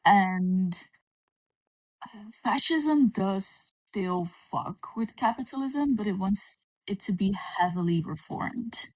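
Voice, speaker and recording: A Dutch woman chatting casually on a livestream, her voice echoing distantly as if in a cave. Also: mid-range voice. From Netherlands. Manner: casual, relaxed talk with frequent pauses. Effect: distant cave-like echo on her voice. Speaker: livestream guest. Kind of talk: casual chat. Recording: distant, echoey stream audio.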